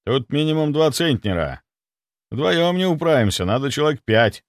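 A man's voice: a little high, very animated, normal speed, no room sound, studio quality, pitched above the performer's own voice. Man voicing a lazy dismissive inquisitor. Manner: dismissive, snorting. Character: stocky fortyish male inquisitor, lazy, dismissive.

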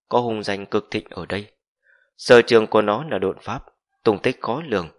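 Man, audiobook narrator, low voice, steady measured reading, fantasy novel.

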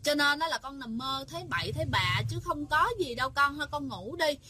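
Gentle old grandmother, as a narrator puts her on. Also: sits high, a little fast. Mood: soothing. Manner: calm and reassuring.

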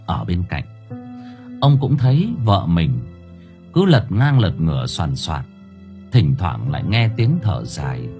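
A man narrating an audiobook story in a dramatic, expressive way. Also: low voice, a little slow, pauses often. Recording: faint music underneath.

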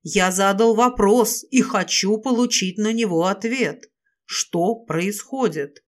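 Audiobook serpent lord, voiced by a woman, domineering, possessive, low, commanding. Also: takes it slowly, natural voice. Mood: demanding.

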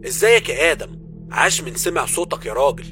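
A woman's voice: low-pitched, sing-song, quick pace, a bit bright, soft background music. A man voicing a worried young woman who is an expert in magic, with an Egyptian accent. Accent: Egyptian Arabic.

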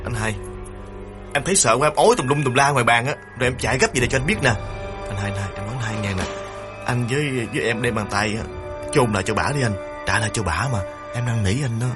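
A man's voice: lowish voice, a little fast, music in the background, lightly acted. A man doing a terrified young thief, pleading. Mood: frightened pleading. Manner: pleading, breathless, repetitive. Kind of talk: audiobook character voicing.

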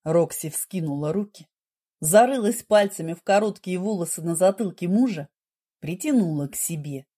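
A woman narrating an audiobook romance in a slow, measured reading. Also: fairly low pitch, animated, mellow. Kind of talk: scripted narration.

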